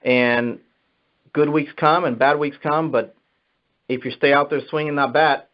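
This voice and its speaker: A sales manager gives motivational business advice on a conference call, his slightly high voice fairly even in intonation and a little slow. Coming over a telephone conference line, the recording sounds dull and muffled.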